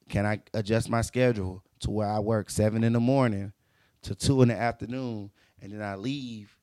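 Young man, podcast host; low, gravelly voice, dry close sound, rambling and self-correcting as he tells his story. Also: darkish tone, no echo. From Mississippi. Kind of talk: casual storytelling monologue.

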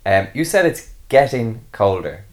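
A man co-hosting a podcast for English learners. He explains phrases patiently, with many ums and pauses. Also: lowish voice, sing-song. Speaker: podcast co-host. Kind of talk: casual chat explaining English usage.

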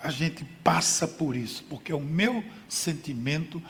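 A man's voice: fairly high pitch, measured pace, fairly bright tone, faint music behind. A man preaching a sermon with emphasis, using contrasts and rhetorical questions. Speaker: pastor. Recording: long hall reverb.

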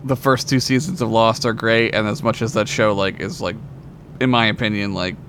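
A man co-hosting a casual fan discussion, speaking enthusiastically with halting phrasing and swearing. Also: on the low side, fairly even intonation. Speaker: podcast co-host. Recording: clearly audible background noise.

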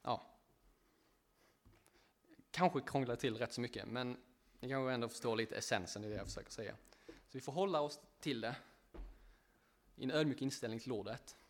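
A man's voice: medium pitch, long pauses. A man preaching a casual sermon, chatting directly with listeners, often laughing and poking fun at himself.

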